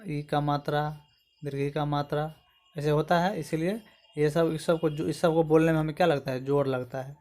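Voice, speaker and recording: A man teaching an exam-prep grammar lesson, his voice sitting a little higher than usual. He walks through each point patiently and keeps asking his viewers whether they have understood. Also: a little mellow. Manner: explains step by step, often asks "समझ गए दोस्तों?".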